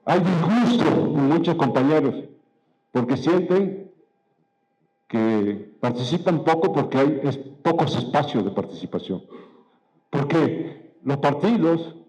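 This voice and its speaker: A man giving a political speech to party members, measured and emphatic, posing rhetorical questions and repeating key phrases. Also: a little high, expressive, darkish tone, rough recording. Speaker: political speaker.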